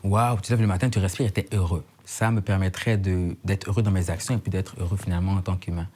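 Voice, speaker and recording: Reflective low-voiced man from Côte d'Ivoire. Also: steady tone, fast, a little mellow. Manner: reflective, repeats phrases for emphasis. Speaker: slam poet guest. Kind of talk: casual interview chat.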